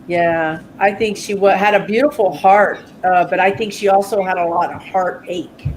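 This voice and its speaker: A woman's voice: mid-range voice, moderate pace, slight background noise, rough recording. A woman chatting casually as a psychic medium on a livestream panel. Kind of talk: casual chat. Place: video call livestream.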